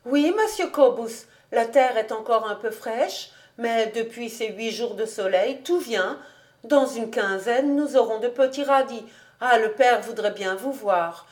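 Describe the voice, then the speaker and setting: A woman reading an audiobook, voicing a sweet, timid young farm girl who talks quickly and eagerly. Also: a little high, lightly acted.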